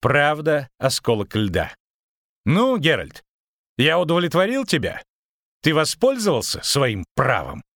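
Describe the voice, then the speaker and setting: A man reading an audiobook, voicing a proud, tormented male sorcerer who speaks bitterly and breaks into shouts. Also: on the high side, huge pitch swings, unhurried, dry recording, clean studio sound, voice pushed up, heavily acted. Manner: bitter, agitated, rising to shouts.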